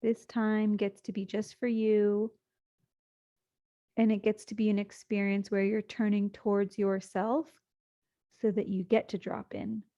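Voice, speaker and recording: In a slightly muffled, lo-fi recording, a woman talks listeners through a sleep meditation. She keeps her tone soothing and her pitch even, moving slowly and pausing at length.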